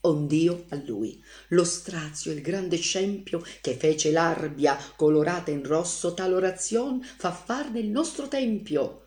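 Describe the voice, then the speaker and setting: A woman reading classic epic verse aloud in a slow, solemn recitation. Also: on the low side, animated, a little mellow, roomy sound. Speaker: reader.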